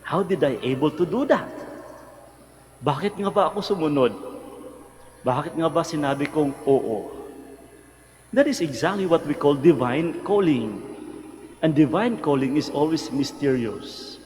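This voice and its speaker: A man with a Filipino accent, a priest reading the gospel and preaching a slow, earnest homily at Mass in a large church with a church hall echo. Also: fairly high pitch, expressive, a little mellow. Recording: long reverb of a large church.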